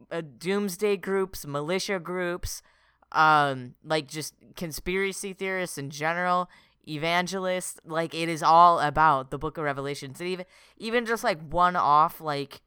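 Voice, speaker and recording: A man's voice: a little high, pushed and bright, clear, resonant tone, no echo, clean studio sound. A young man co-hosting a podcast, rambling casually with frequent swearing and filler words. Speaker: podcast co-host. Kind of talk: casual chat.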